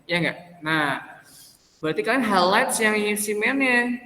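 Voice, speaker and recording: A man's voice: high voice, lively intonation, measured pace, sharp tone. A man lecturing an English class, switching between Indonesian and English and often checking with students through rhetorical questions. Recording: echoey room with long reverb.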